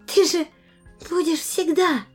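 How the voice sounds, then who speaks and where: A woman putting on a trusting little girl from an audiobook, high and childlike. She asks one eager question after another, full of wonder, with faint music under her. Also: fairly even intonation, slow pace. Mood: curious.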